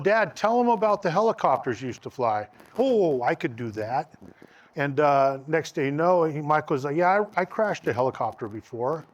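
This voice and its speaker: A man's voice: mid-range voice, a bit bright. A middle-aged man casually telling his engagement story, rambling with fillers and restarts.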